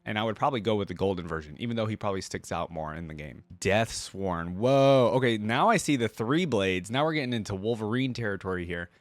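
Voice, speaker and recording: Hosting a reaction video, a man with a fairly low voice thinks out loud in casual, slangy commentary. He talks quickly with lively intonation and hardly any pauses, recorded dry and close with little room sound.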